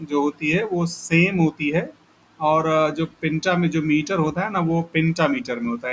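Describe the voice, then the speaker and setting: A man's voice: fairly high pitch, fairly bright tone, slight background noise, rough recording. A male teacher giving a lecture, explaining patiently and repeating key points with frequent check-ins. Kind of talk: classroom lecture.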